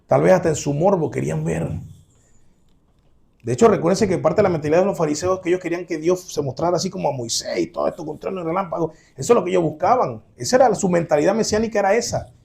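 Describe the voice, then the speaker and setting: A man in the pulpit preaching with emphatic swings from loud exclamations to hushed asides. His voice sits high for a man and carries a gravelly fry, and he keeps turning to the congregation with direct questions. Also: quick pace. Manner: addresses listeners directly as brothers, asking rhetorical questions. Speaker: pastor. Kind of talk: sermon.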